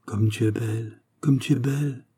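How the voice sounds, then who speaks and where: A poor young cowherd, earnest and wondering, speaks in a dark, husky tone, voiced by a man reading a storybook. His lines come softly and a little breathy, full of devotion. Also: medium pitch, moderate pace. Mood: adoring.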